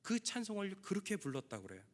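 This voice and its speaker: Lively-voiced preaching pastor in a hall. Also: male voice, high-pitched, fast. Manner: earnest preaching, acting out quoted prayers. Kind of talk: sermon. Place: church sanctuary. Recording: long church reverb.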